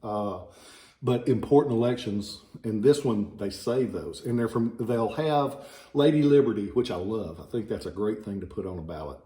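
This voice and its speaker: This relic dealer has a slight Southern drawl and a fairly low, dark voice at a normal speed. He casually presents old ballots, wandering off into folksy jokes and side remarks. The informational clip was recorded in a room with noticeable echo.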